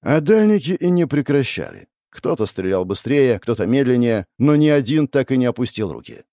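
A man narrating dramatic fantasy fiction in an expressive storytelling manner. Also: medium pitch, moderate pace, no room sound, studio quality. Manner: expressive storytelling, voicing the characters. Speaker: audiobook narrator.

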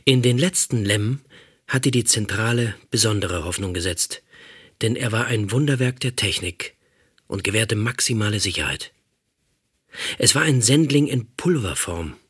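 Husky-voiced man narrating. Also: lowish voice. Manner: measured, calm storytelling. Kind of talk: audiobook narration.

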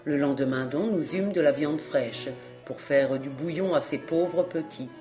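A reader narrating a nineteenth-century novel in a measured, solemn way, as an audiobook. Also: mid-range voice, music in the background.

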